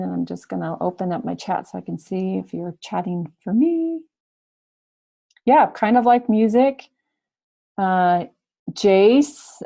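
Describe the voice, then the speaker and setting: A woman teacher giving an online high school humanities lesson, explaining slowly and thinking aloud as she goes. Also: gravelly, a little mellow. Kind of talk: online class lecture.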